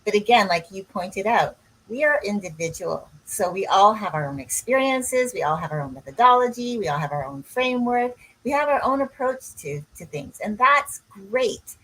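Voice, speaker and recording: A woman's voice: medium pitch, animated, moderate pace, fairly bright tone, breathy edge, low-quality recording. A woman, a coach co-hosting a podcast in casual chat, rambling and drifting off on tangents. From Canada. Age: 60s.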